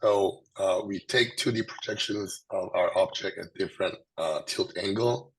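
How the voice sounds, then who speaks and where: A man presents scientific material in a low, husky voice, thick and hoarse from a sore throat. His delivery is halting, with frequent pauses as he explains things. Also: poor audio. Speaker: presenter, researcher.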